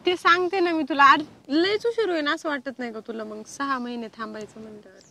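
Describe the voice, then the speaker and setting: A woman's voice: sits high, a little fast, bright, forceful tone, dry recording. A woman playing a young woman in love who insists on marrying soon. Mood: eager. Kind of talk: comedy sketch acting.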